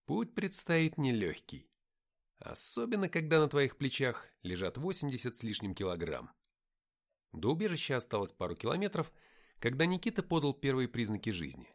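A man's voice: medium pitch, huge pitch swings, normal speed. A man narrating an action novel in the first person, reading expressively. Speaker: audiobook narrator.

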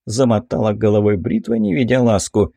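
A man narrating first-person fiction in an audiobook with expressive storytelling. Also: fairly low pitch, a little fast, gravelly, slight background noise.

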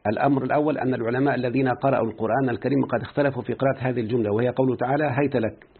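A man with an Egyptian Arabic accent teaching a grammar lesson, who keeps quizzing his student and slowly repeats words. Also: medium pitch, fairly even intonation, husky. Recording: tinny phone-like line.

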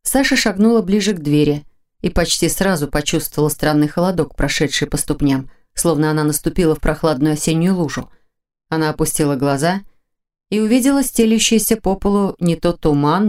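Low-voiced woman narrating an audiobook. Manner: even, measured storytelling. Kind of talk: scripted narration.

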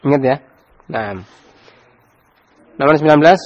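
A man's voice: mid-range voice, animated, moderate pace, muffled recording. A man with an Indonesian Javanese accent teaching an Arabic grammar class, quizzing his students and prompting them to read aloud. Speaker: Islamic teacher.

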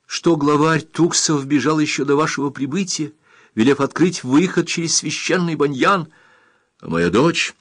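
A man voicing a brave, urgent young woman, high-pitched. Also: animated, moderate pace, a bit bright. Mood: earnest. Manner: urgent, pleading, raised and higher.

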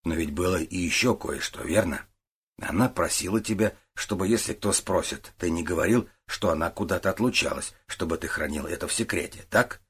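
A man voicing a calm, methodical middle-aged detective who questions patiently in an audiobook. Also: sits low, brisk, husky. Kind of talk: audiobook character voice.

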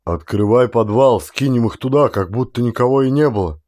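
A man reading an audiobook, voicing a calm, firm army corporal who gives orders. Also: mid-range voice, a little fast, no room sound, studio quality, natural voice. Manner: firm and commanding. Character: steady, stern army corporal. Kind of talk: audiobook character voice.

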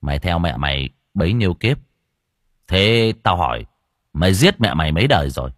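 A man's voice: low-pitched, very animated, brisk, fairly bright tone, no room sound, clean studio sound. A man voicing a stern, fearless young exorcist in an audio horror story, blunt and threatening.

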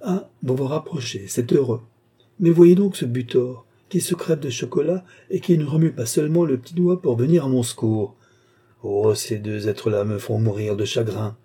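A man's voice: warm tone, breathy edge. A man voicing a vain, imperious court countess, scolding and exclamatory, in an audiobook reading. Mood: indignant. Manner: exclamatory, scolding, fast and shrill.

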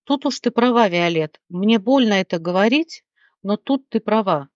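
A woman voicing a squeaky, blunt, cheeky little male creature in an audiobook. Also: expressive, normal speed, a little mellow, no echo, dull audio, natural voice.

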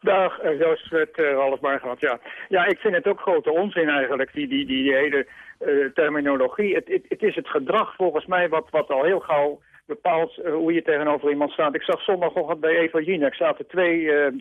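A man's voice: a little high, steady tone, no room sound. Man calling in over a tinny phone line. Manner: halting, repeats words while pushing his point. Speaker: radio call-in caller. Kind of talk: opinionated call-in comment. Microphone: telephone.

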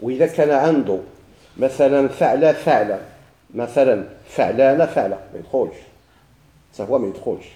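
Moroccan male teacher, fast classroom delivery, asks and answers his own questions, dark tone. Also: mid-range voice, roomy sound. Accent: Moroccan Arabic. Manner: questions himself and answers, repeating examples. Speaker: grammar teacher. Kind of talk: classroom grammar lesson.

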